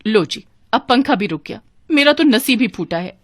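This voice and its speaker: Woman doing a shrill, panicky young bride. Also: lively intonation, normal speed, natural voice. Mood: anxious. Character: frightened young newlywed wife.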